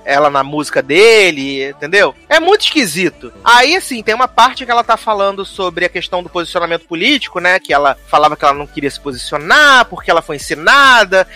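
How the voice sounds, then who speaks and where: A man's voice: high voice, very animated, fast, hardly any pauses, sharp tone. A man co-hosting a podcast, chatting casually and animatedly, now and then mimicking the people he describes. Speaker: podcast co-host. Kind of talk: casual chat review.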